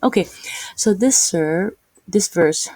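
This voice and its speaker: Hosting a Bible video, this Filipino woman speaks with a Filipino accent, reading verses and rambling through explanations full of fillers, restarts, and self-corrections. Her low-leaning voice is expressive and a little mellow, she takes her time, and there's no room sound.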